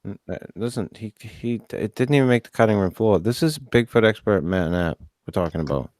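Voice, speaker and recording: A man's voice: on the low side, lively intonation, brisk, a little mellow, no room sound, studio quality. A man co-hosting a podcast in casual joking banter, teasing and repeating himself for effect. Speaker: podcast co-host.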